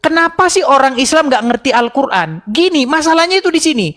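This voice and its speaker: A man's voice: very high-pitched, a little fast. A middle-aged Indonesian man hosting an interfaith discussion, telling stories animatedly and calling his guest "Bang". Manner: animated storyteller, imitates flute sounds, frequent "Bang".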